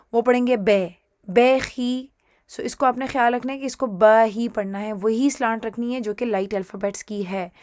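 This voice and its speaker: A woman from Pakistan teaching Quran reading, sounding out syllables slowly and repeating each word, then patiently explaining step by step. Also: on the high side, darkish tone, no room sound, clean studio sound. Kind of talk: online reading lesson.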